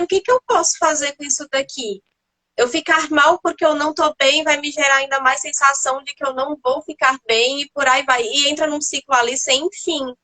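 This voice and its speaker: Bright high-voiced woman thinking aloud. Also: rough recording. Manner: reflective, walks through her own inner dialogue. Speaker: panelist in a live talk. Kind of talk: casual live talk on emotions.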